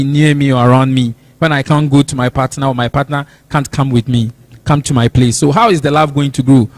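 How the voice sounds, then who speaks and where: A man's voice: fairly high pitch, no room sound, rough recording. A man with a Ghanaian accent hosting a church talk show, asking questions and repeating himself. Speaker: host.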